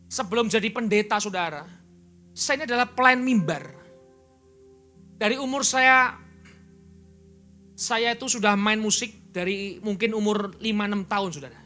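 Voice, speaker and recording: A male pastor preaching in a church, his pitch leaping about in a very animated way and his tone sharp and bright. He jumps from near-shouting to hushed asides and keeps putting rhetorical questions to the congregation. Soft music plays faintly behind him. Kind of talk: sermon.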